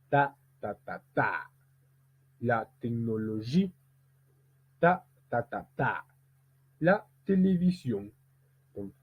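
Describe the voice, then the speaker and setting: A man who is a musician, teaching pronunciation and speaking as a learned language, who demonstrates rhythm slowly and deliberately. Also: fairly high pitch, husky. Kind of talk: explanatory lesson. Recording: tinny, phone-like sound.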